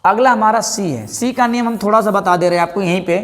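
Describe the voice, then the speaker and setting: A man's voice: sits high, quick pace, fairly bright tone. A man teaches English pronunciation in a classroom lesson. He fires questions at his class, answers them himself and goes over each word again and again. His voice rings with a long reverb.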